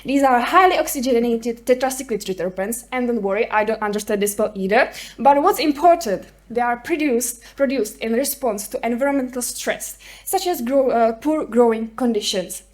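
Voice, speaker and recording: A woman's voice: a little high, normal speed. A woman from the Czech Republic with a Czech accent, giving a medical case presentation and putting questions to her listeners. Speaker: hospital clinician presenting a case report. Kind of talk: conference presentation.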